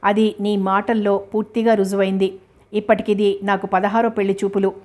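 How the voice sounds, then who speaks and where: A woman's voice: medium pitch, level tone, moderate pace, darkish tone, close to an everyday voice. A woman reading as a domineering male engineer. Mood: lecturing. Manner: lecturing, boastful. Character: arrogant, domineering young male engineer suitor.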